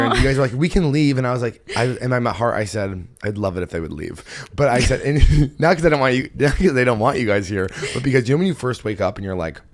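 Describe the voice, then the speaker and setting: A man hosting a comedy podcast, chatting casually in a rambling, self-mocking way and laughing often. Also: medium pitch. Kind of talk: casual chat.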